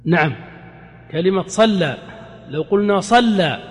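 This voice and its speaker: A male grammar teacher with a high voice runs a classroom lesson. He keeps asking his students questions and then answers them himself, and he slows down to repeat each example. A long reverb from the lecture hall trails after his words. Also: animated. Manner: repeats examples slowly for emphasis.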